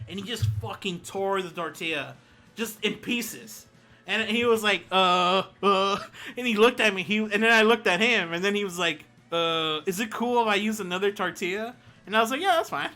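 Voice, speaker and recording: A young adult streamer chatting casually, laughing often and swearing freely while telling animated stories. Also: medium pitch. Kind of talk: casual chat on a live stream.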